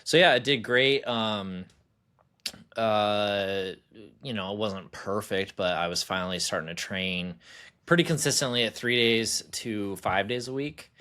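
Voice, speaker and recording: A man's voice: fairly low pitch, a little slow, bright, forceful tone, smooth. A man co-hosting a casual podcast, joking and sarcastic, laughing often as he talks. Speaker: podcast co-host. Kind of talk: casual chat.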